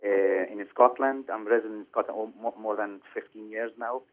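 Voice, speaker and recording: Halting Iranian-born man on a phone line. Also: lowish voice, steady tone. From Iran. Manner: halting, many fillers and restarts. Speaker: film director. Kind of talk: interview over the phone.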